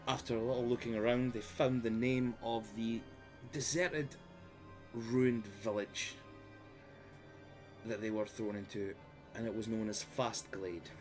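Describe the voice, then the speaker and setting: Soft music plays behind a Scottish man whose voice is on the low side, fairly even, unhurried and a little mellow. He runs a tabletop game over a live stream mic, swearing a lot and bantering in jest before recapping the game.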